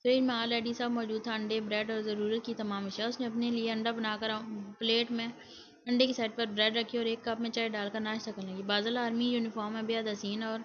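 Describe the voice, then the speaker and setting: A woman narrating a romance novel audiobook in a steady storytelling manner. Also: on the high side, dull audio.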